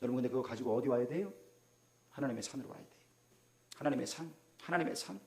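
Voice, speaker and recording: A Korean man preaching as a pastor, swinging between loud exclamations and hushed asides and asking the congregation questions. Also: medium pitch, fast talker. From South Korea. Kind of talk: sermon. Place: church sanctuary. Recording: roomy echo of a church hall.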